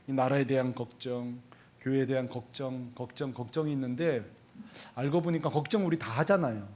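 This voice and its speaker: A man's voice: medium pitch, a little mellow. A male pastor giving a sermon, telling a personal story in a confessional way and building to fervent emphasis.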